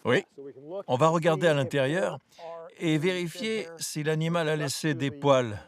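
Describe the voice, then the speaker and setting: A man speaking as a wildlife researcher, giving measured, articulate explanations for a documentary. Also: on the high side.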